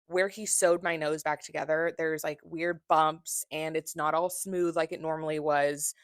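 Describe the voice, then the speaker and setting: Woman vlogger, young adult. Lowish voice, frank and unfiltered delivery, casual, dry close sound. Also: no room sound. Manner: candid and blunt, with swearing. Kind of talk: casual personal vlog.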